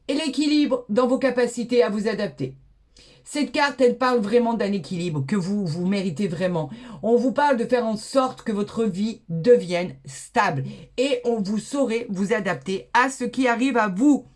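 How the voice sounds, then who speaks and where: A woman's voice: on the high side, darkish tone. A woman giving a tarot card reading to her viewers, enthusiastic and exclaiming, with frequent hesitations. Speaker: tarot reader.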